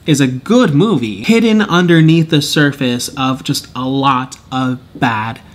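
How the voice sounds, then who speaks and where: A young man reviewing films and shows in a casual vlog, rambling and correcting himself as he talks, with pitch jumping high and low for emphasis. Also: unhurried. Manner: rambling, self-correcting, chuckles often. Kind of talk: casual monthly review chat.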